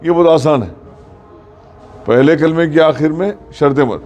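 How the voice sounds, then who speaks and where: A man teaching a mosque class on Quran recitation. He explains the rules patiently, checks that students follow, and recites verses slowly as examples. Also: fairly high pitch, darkish tone, lo-fi sound, soft background music. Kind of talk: classroom lesson.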